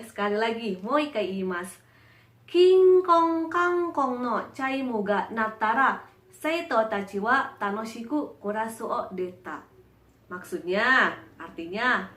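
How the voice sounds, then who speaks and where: A woman's voice: a little high, a bit bright, roomy sound. A woman giving a casual Japanese lesson, playfully mimicking animal sounds and bells as she explains words. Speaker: Japanese language teacher. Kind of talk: casual online language lesson.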